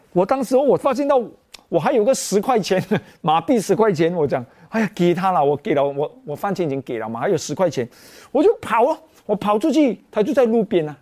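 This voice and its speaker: Lively male storyteller. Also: high voice. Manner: lively, emotional, with many filler particles. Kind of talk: personal testimony storytelling.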